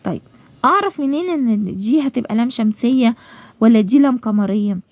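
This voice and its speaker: A woman's voice: fairly high pitch, animated, brisk, a little mellow, dry recording. A woman with an Egyptian accent teaching a school lesson, asking and answering her own questions and drawing out example words.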